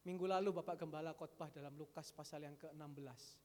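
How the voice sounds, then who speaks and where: A male pastor preaching a sermon, lively, switching between loud emphatic calls and quiet asides. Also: on the high side, a little fast. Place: large church hall. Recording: long church hall reverb.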